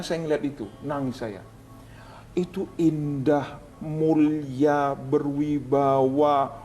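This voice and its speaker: Earnest, high-voiced male preacher. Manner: earnest, pleading, swings between hushed and raised. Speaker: Islamic preacher. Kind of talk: emotional spiritual testimony in an interview.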